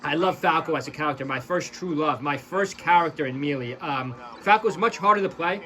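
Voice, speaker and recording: High-voiced excitable male game commentator. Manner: excitable, rapid play-by-play mixed with chatty asides to viewers. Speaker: esports commentator and channel host. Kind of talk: casual play-by-play commentary over match footage.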